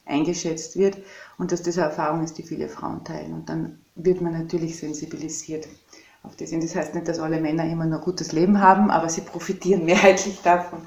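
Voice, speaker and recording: A woman's voice: low voice, little pitch movement, creaky, darkish tone, echoey room. Reflective Austrian woman in her fifties. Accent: Austrian German. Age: 50s. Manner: reflective, measured, thinks aloud. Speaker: podcast guest, activist. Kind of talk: podcast conversation.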